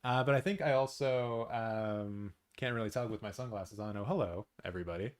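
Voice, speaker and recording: A man's voice: lowish voice, brisk. Chatty man hosting a live watch-along. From Canada. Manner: chatty, excitable, rambling with fillers and restarts. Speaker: live-stream host. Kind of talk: casual live watch-along chat, reading viewer comments. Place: his apartment in daylight.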